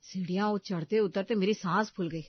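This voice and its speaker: A woman's voice: medium pitch, steady tone, normal speed, slightly rough, dry recording, highs cut off, lightly acted. A woman voicing a tired young daughter-in-law who explains politely and pleads in a cartoon story. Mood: pleading. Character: weary put-upon young daughter-in-law.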